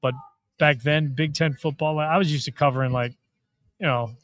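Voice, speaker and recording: A man's voice: fairly high pitch, steady tone, normal speed, fairly bright tone, slight background noise. A man co-hosting a live basketball draft reaction, a columnist telling jokey stories and giving opinions. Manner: storytelling, jokey banter. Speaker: sports columnist co-host. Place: arena media room.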